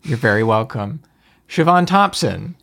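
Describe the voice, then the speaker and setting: A man's voice: mid-range voice, sing-song, creaky, a bit bright. A man in his thirties hosting a tabletop game podcast over a video call, joking and self-mocking as he introduces his friends. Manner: playful, self-mocking, quick asides. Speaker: game master and podcast host. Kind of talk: casual chat among friends. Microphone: home mic over video call.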